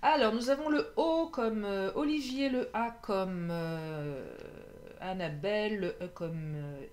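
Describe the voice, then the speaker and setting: A woman's voice: medium pitch, slow pace, a little mellow. Chatty woman giving a tarot reading. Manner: chatty, laughs often, frequent filler sounds. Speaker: tarot card reader. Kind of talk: casual tarot reading to viewers.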